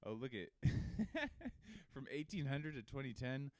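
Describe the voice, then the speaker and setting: A man chats casually as a comedic podcast co-host. He rambles and halts as he jokes, with a medium-pitched voice in a dry, close recording. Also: sing-song, darkish tone, no echo. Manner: rambling, halting, joking.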